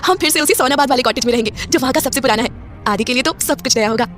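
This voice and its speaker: A woman voicing a spirited, quick-tempered young woman heroine in a spoken audio story, in a high, lively voice. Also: faint music behind. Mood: cheerful.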